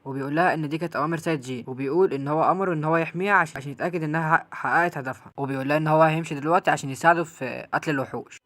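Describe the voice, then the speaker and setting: A man with an Egyptian Arabic accent narrating a story recap and reeling off events and quoted dialogue without pausing. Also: a little high, a bit bright.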